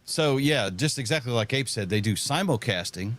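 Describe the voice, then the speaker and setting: A middle-aged American man, a podcast panelist and ham radio hobbyist, chats casually and explains things in a folksy, plain-spoken way. His mid-range voice is animated and fairly bright, at a moderate pace.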